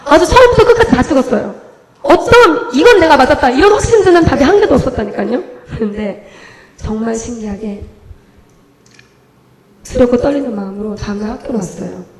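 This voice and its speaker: A young woman evangelist giving her testimony at a church service, telling the story in an animated way and acting out her own prayers. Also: fairly high pitch, brisk, pauses often, a crowd in the background. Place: church sanctuary. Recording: echoey church hall.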